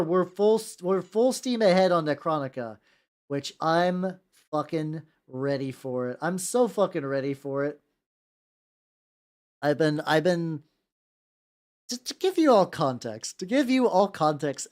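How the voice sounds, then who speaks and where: Casual livestream host, medium-pitched and very animated, rambling, sweary, chatty hobby-stream delivery. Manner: rambling, talkative, foul-mouthed. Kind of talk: casual livestream chat while painting miniatures.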